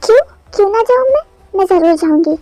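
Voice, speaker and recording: A woman's voice: very high voice, lively intonation, quick pace, dark tone, dry recording. A young woman voicing a playful, stubborn young wife in a spoken fan story, whining and insisting. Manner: whiny, stubborn.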